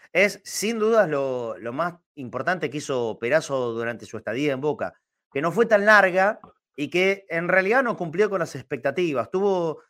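An Argentine man giving animated, emphatic football talk as a pundit, repeating words to drive his points home. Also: on the high side. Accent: Argentine Spanish.

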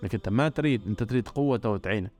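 A man's voice: on the low side, very fast, a little mellow, faint music behind. A man giving an earnest religious talk, stressing points by repeating words. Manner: earnest, repetitive emphasis.

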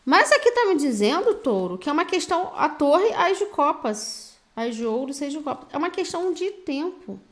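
Blunt high-voiced Brazilian woman reading tarot. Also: big pitch swings, moderate pace, hardly any pauses. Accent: Brazilian Portuguese. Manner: blunt, direct, slangy pep talk. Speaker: tarot reader.

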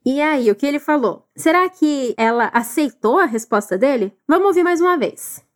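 High-pitched encouraging teacher. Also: female voice, expressive. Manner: encouraging, slow repeat-after-me drilling. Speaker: English teacher. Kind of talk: recorded language lesson.

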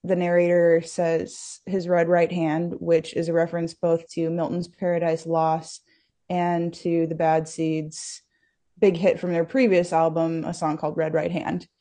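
Wry lower-voiced woman podcast co-host. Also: flat delivery, unhurried, mellow. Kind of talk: casual pop-culture chat.

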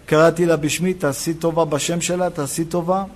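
A rabbi preaching a sermon in a synagogue, telling a personal story and acting out the dialogue. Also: male voice, fairly high pitch. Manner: animated storytelling, acts out dialogue.

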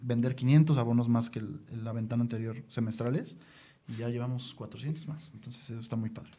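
A man with a Mexican accent, a sports club guest on a casual podcast, joking and animated. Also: medium pitch, quick pace. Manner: joking, animated, self-mocking.

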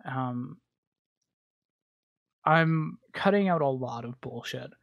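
A man's voice: mid-range voice, takes it slowly, gravelly, lo-fi sound. A man hosting a podcast alone, recapping a bad movie in a rambling, crude, joking way with lots of fillers. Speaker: podcast host. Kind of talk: casual solo movie recap.

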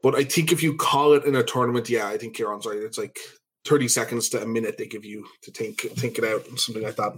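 Male podcast co-host, mid-pitched, playful and jokey, casual banter. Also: fairly even intonation, quick pace, few pauses, slightly rough. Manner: joking, laughs often, playful mock shouting. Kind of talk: casual chat.

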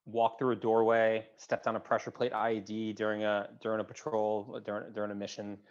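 Soft-spoken man telling a hard story. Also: fairly low pitch, completely flat delivery. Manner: halting, many restarts and fillers, drops to a quiet tone at emotional points. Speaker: guest, combat-wounded veteran. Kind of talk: conversational interview storytelling. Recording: dull, lo-fi sound.

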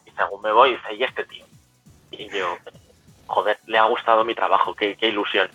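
A man's voice: lowish voice, steady tone, moderate pace, pushed and bright, no echo, highs cut off, soft background music. A young man, telling stories as a guest in a casual chat, with frequent restarts and self-corrections. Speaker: guest cosplayer. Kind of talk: casual storytelling.

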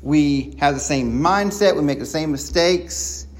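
Man preaching, fairly high voice, excited, fast-talking, many restarts. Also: noisy background. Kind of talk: sermon.

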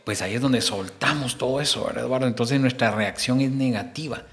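A man's voice: medium pitch, brisk, a bit bright. Middle-aged male host, preachy. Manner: preachy, addresses listener directly, acts out little quotes.

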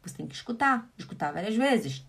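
A woman, chatting casually as a German teacher and slowing down to model pronunciation. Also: fairly high pitch, sing-song, gravelly, background noise. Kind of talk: casual online language lesson.

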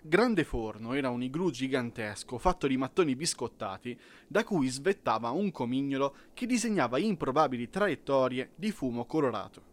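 A man narrates a children's fairy tale in a scripted audiobook style. His voice moves freely up and down, and he tells the story expressively at a mid pitch. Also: animated, normal speed, hardly any pauses.

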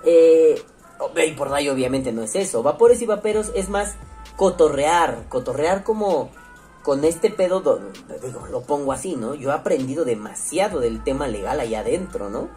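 A man's voice: on the high side, lively intonation, normal speed, a little mellow, faint music behind. Slangy Mexico City man, swearing freely. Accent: Mexico City Spanish. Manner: slangy, swears freely, acts out quoted voices. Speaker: online show host reading comments. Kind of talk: casual profane monologue.

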